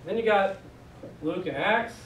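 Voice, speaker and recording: Speaking a little slowly, this young man has a high, fairly bright voice as he leads a Greek lesson with an easygoing, chatty style full of fillers. The lecture was filmed from far away in a church meeting room, leaving it noisy and full of echo.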